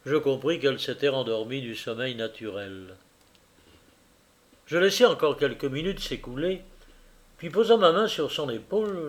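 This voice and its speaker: A man reading a classic novel aloud as narrator, dramatically, slowing down at moments of suspense. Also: fairly high pitch.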